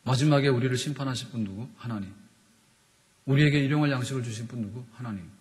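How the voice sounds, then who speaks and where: A man's voice: mid-range voice, fast talker, a little mellow. A man giving a conversational sermon as pastor, asking his listeners questions and answering them himself. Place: church sanctuary. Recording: long reverb of a church hall.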